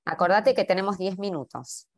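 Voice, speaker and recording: A woman's voice: mid-range voice, normal speed. A woman with a Rioplatense accent informally moderates an online academic panel. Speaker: session moderator. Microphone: video call.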